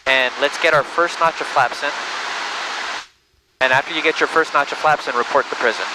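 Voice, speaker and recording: A man's voice: on the high side, steady tone, a little fast. A man coaching a student pilot step by step in an informal way during a flight, talking on a headset. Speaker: flight instructor. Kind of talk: hands-on instruction during a flight. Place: small airplane cockpit in flight. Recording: loud engine noise in small aircraft.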